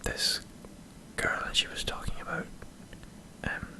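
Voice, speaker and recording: An Irish man in a hesitant, self-deprecating ASMR ramble, speaking in a breathy whisper close to the microphone. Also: unhurried. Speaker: ASMR video creator. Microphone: close microphone in front of a camera.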